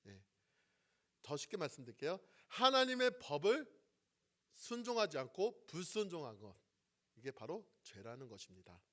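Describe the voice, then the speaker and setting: A man preaching a sermon as pastor, often asking the congregation questions and swinging between loud emphatic phrases and soft trailing endings. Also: medium pitch, sing-song, normal speed. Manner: asks the congregation questions and waits for replies.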